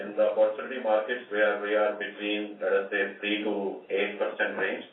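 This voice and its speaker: A man, a company executive answering analysts on an earnings call in a measured way, with many fillers. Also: on the low side. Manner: measured, many fillers, repeats "see" and "right?". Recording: echoey distant phone line.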